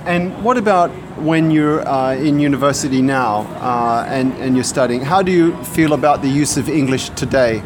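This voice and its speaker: A man's voice: medium pitch, moderate pace, few pauses, noisy background. A man working as an interviewer, asking conversational questions patiently and putting them in simple words.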